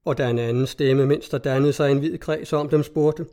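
A man reads classic prose aloud in a measured, formal storytelling manner. His voice is warm and mellow and sits a little high. The delivery is steady and deliberate. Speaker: narrator. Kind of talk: audiobook reading of classic prose.

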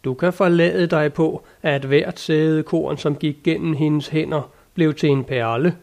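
A man's voice: a little high, fairly even intonation, vocal fry, a little mellow. A man reading Don Quixote, an ardent old knight. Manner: grand, old-fashioned, eager. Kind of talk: audiobook character reading.

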